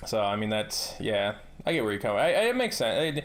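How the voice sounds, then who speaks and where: Male host, low-ish voice, blunt and profane, casual interview. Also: big pitch swings. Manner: blunt and profane, quick asides. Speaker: podcast host interviewing a mod author.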